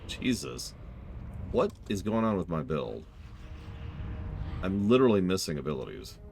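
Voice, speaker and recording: A man's voice: low voice, sing-song, unhurried, darkish tone. A man giving casual commentary as he streams a game, with grumbling, matter-of-fact asides. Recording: clear background noise.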